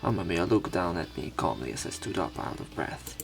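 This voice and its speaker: A man with a deep, gravelly voice swings widely in pitch and talks fairly quickly as he voices over a let's play. He reads a visual novel aloud with dramatic narration, breaking into casual commentary. Faint game music plays underneath.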